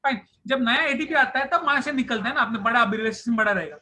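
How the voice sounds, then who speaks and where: A man's voice: very high voice, fast talker, bright, forceful tone. A man teaching biology in an online class, chatty and joking as he switches between Hindi and English.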